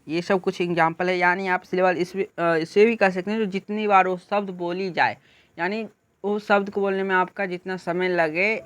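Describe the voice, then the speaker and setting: A woman teaching an exam-prep lesson, slowly reading out English definitions and then explaining them in Hindi with many fillers. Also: on the low side, no room sound. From India.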